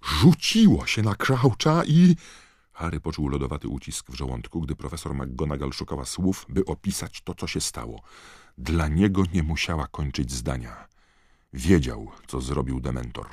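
A man reading an audiobook as narrator in a steady, measured way. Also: a bass voice, slightly rough, no room sound, clean studio sound.

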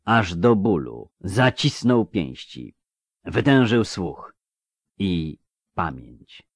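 A man's voice: deep voice, sing-song, extremely slow, no room sound, studio quality. A man narrating a fantasy audiobook with a tense, suspenseful reading.

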